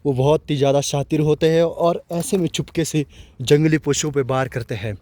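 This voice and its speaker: A man narrating a walking vlog outdoors in a dense forest, chatting loudly to the camera as he goes. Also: on the high side, steady tone, normal speed, no room sound. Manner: chatty, talks loudly to warn animals. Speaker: nature vlogger.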